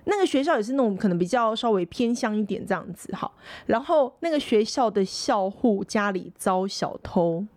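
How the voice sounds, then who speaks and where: A woman's voice: medium pitch, moderate pace, few pauses, dry recording. A young woman podcast co-host with a Taiwanese Mandarin accent, telling a story in casual chat and acting out the quotes. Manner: animated storyteller who acts out quotes.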